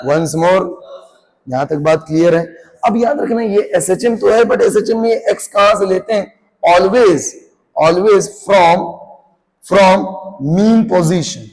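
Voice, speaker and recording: A man with a high voice is teaching a physics lecture. He keeps asking the class questions to check that they follow along. His voice rings out with the long reverb of the room. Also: a little slow, darkish tone.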